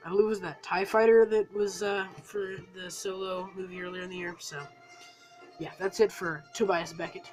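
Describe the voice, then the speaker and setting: A reviewer who has a cold talks casually through a review of a toy set, rambling and using lots of fillers. His voice sits at a medium pitch, and the recording is low quality.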